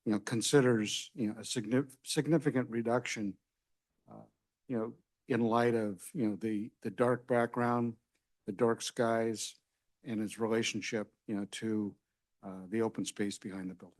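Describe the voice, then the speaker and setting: Halting low-voiced man, dry sound. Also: fairly even intonation, a little mellow, no echo. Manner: halting, full of "you know" and "uh". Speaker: committee member. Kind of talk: making a motion at a public meeting.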